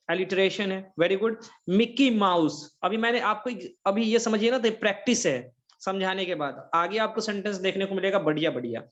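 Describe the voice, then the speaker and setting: An online English grammar lecture comes from a man with a high voice and an Indian accent, captured in dull audio. He moves between Hindi and English and frequently repeats checking questions to his students.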